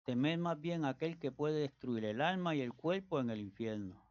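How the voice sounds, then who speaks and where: A man reads Bible passages aloud at a steady, measured pace. The sound is dry with no room around it. The recording is dull and lo-fi. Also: on the high side, dry recording. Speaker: scripture reader.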